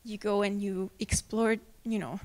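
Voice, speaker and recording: A young adult woman with a Hungarian accent giving a friendly, unhurried live talk about travel, with many ums and self-corrections. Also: medium pitch, level tone, a little mellow, distant mic. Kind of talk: live presentation to an audience. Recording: echoey hall, mic from afar.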